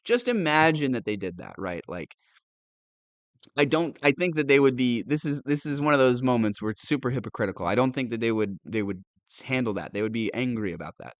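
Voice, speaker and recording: A man's voice: medium pitch, animated, brisk, no room sound. Man, news reaction commentator, sarcastic, incredulous, frequent laughter, dry close sound. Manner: sarcastic, incredulous, laughs often, stumbles while reading.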